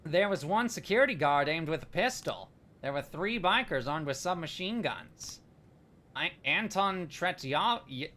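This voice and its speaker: A man's voice: sits high, sharp tone, voice pushed up. A man putting on the voice of a sinister male cartoon skeleton villain while reading a case report aloud.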